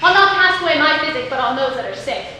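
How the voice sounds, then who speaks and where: A woman's voice: high voice, lively intonation, fast. A woman on stage playing a witty, teasing young heroine disguised as a youth, declaiming playfully in Shakespearean style. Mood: teasing, mock scornful. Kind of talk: live Shakespeare stage acting. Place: stage performance, recorded from afar. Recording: distant, echoey stage recording with faint noise.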